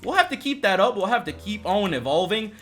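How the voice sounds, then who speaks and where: Upbeat, lively young man narrating gameplay. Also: high voice, fairly quick. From El Salvador. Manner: upbeat, chatty, addresses viewers directly. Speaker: let's play host. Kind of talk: casual gameplay commentary. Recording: music playing behind the voice.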